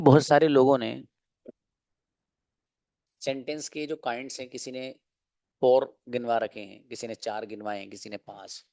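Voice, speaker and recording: A man teaching an online English class, explaining slowly and asking and answering his own questions. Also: medium pitch, a little mellow, no room sound.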